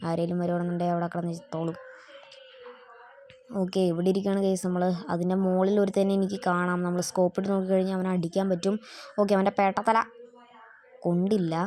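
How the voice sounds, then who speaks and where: A woman's voice: mid-range voice, level tone, fast, dark tone. A woman hosting a gaming channel, giving casual gameplay commentary and chatting to viewers as she plays. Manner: chatty, keeps addressing viewers as guys.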